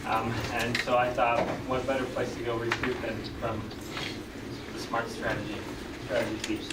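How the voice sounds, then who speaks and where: Young man from Finland, out of breath, upbeat class pitch, roomy distant recording. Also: level tone, normal speed. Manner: upbeat pitch with many fillers. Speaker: student presenting to a class. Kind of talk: casual class announcement. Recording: roomy classroom audio from far off, loud background noise.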